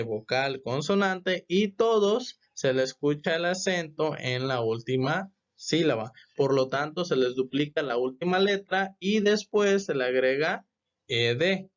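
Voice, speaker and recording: A man gives a slow, patient lesson, setting out each rule step by step and pausing to check that it landed. His voice sits a little high for a man. The sound is dull and lo-fi. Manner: patient, repeats "¿ok?" to check understanding. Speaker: English teacher.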